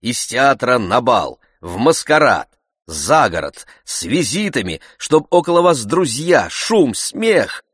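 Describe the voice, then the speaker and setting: A man voicing a brisk, lecturing doctor. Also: medium pitch, sing-song, fairly bright tone, slightly rough, no echo, clean studio sound, voice pushed up, full character voice. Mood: advising. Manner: brisk, prescriptive. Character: brisk male doctor giving advice. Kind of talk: audiobook reading.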